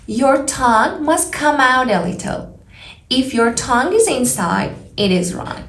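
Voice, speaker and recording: A woman teaching English pronunciation in a scripted lesson, modeling speech in short, deliberate, exaggerated phrases. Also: high-pitched, echoey room.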